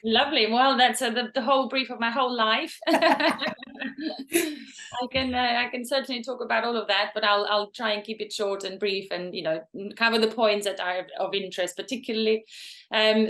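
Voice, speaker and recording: A woman's voice: fairly high pitch, steady tone, normal speed, a bit bright. A woman in her forties from Albania, a photographer talking as an interview guest, thoughtful and hesitant with many ums. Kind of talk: interview conversation.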